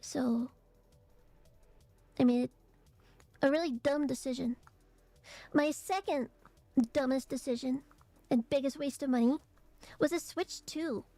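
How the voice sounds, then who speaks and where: A woman streamer chatting casually and haltingly, her voice phlegmy and rattly in the chest, congested from allergies. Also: high-pitched, dark tone, dry recording. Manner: halting, hesitant, trailing phrases. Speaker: vtuber streamer. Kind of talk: casual livestream chat.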